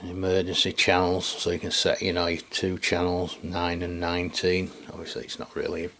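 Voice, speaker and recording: With an English accent, this man from England, a radio reviewer and video host, rambles casually through a hands-on product demonstration, often tacking on tag questions in colloquial speech. His low voice is completely flat, at a normal speed and a bit bright. A little hiss or hum can be heard.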